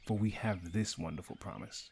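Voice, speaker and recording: A man delivering a scripted morning devotional in a measured, earnest way. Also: fairly low pitch, creaky, a little mellow, slight background noise. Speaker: devotional speaker.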